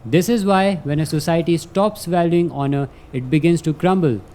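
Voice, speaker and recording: A man delivering a scripted motivational monologue in an earnest, instructive way with measured, declarative sentences. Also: on the high side, mellow. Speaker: vlogger.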